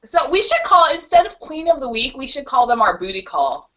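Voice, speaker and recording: A woman's voice: high voice, very animated, fairly quick, a bit bright. A woman co-hosting a casual web show, joking and laughing often. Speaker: co-host. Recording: dull lo-fi webcam audio.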